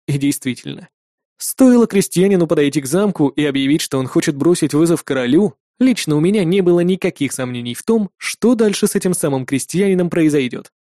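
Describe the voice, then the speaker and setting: A man narrating a first-person story in a lively, wry manner. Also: a little high, fairly quick, dry recording, clean studio sound. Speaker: audiobook narrator.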